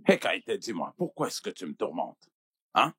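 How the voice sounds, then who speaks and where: A man's voice: low-pitched, sing-song, moderate pace, bright, forceful tone, husky, no echo, soft background music, heavily acted. An actor dubbing a wealthy middle-aged businessman chief who coaxes and pleads, repeating himself with tag questions. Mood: coaxing. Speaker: dub actor. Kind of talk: dubbed film acting.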